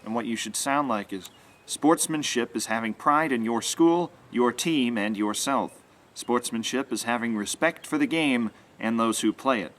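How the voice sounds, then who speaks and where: Outdoors in a yard with trees, a young man who teaches sports announcing explains something earnestly to the camera, leaning on his key words. His voice is medium in pitch and a bit bright, and he talks at a normal speed. Outdoor background noise comes through clearly.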